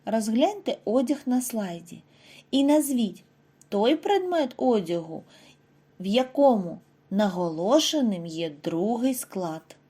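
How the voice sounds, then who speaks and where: A woman teacher narrating a lesson for small children, her pitch a little high and moving a lot. Her voice is mellow and slightly husky. She stretches out example words slowly and clearly for the class. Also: sing-song. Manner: slow, over-articulated model words for children. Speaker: primary school teacher. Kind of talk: scripted lesson narration for first graders.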